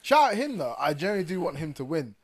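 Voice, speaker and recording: A man's voice: fairly high pitch, fast. Laughing young podcast man. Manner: animated, laughs often, trails off quietly when serious. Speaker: podcast co-host. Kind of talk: casual chat.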